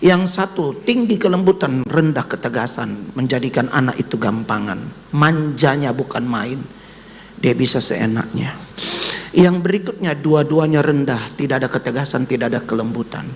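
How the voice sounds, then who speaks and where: Vocal fry colors this pastor's speech, which carries a long reverb tail and slight background noise. Emotionally addressing the listeners, he shares a personal testimony within his sermon, his voice soaring into high cries as he recalls his son's words.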